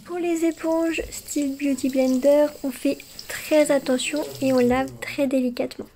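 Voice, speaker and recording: A woman giving a soft, gentle, instructional tutorial voice-over as a makeup artist. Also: high voice, steady tone, a little slow, slight background noise. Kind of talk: scripted tutorial voice-over with soft ASMR touches.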